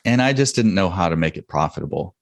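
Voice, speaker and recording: A man's voice: low-pitched, animated, fast, creaky, no room sound, studio quality. A man telling his business story as a guest on a podcast, talking loosely with fillers. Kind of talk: casual interview.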